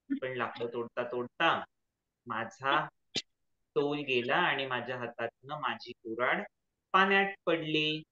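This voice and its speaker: A man's voice: mid-range voice, sharp tone. A man voicing a poor, honest woodcutter in a children's story, speaking in a plaintive storytelling tone. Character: poor honest male woodcutter, tearful then glad. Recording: echoey, slightly dull recording.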